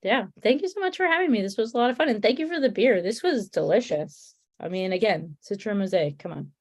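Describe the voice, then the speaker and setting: A podcast guest who is a beer comic artist, a woman with a Connecticut accent, chats casually and rambles, often restarting her sentences. Her mid-range voice is animated, a little mellow and a little fast.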